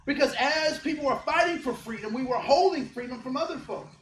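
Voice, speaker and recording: In an echoey room with a faint hum behind him, a very high-pitched, brisk and a bit bright male voice leads a lively workshop. He is a diversity trainer in his fifties from Ohio, joking with his live audience and checking in with them regularly.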